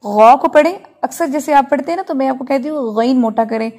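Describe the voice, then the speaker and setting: A woman teaching an online Quran recitation class, slowly drilling letter sounds and checking in often with her students. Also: high-pitched, mellow. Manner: slow, patient, drills letters aloud with frequent check-ins. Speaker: Tajweed teacher.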